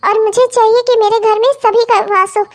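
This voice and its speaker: A woman's voice: very high voice, fairly even intonation, brisk. A woman voicing a kindly elderly mother-in-law in a cartoon comedy, affectionate but firm and given to moralizing. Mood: sad, earnest. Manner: affectionate, scolding, sermonizing.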